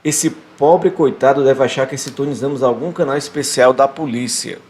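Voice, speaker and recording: A man voicing a wry, relaxed male lawyer who grumbles and complains. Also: mid-range voice, normal speed, natural voice. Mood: grumbling.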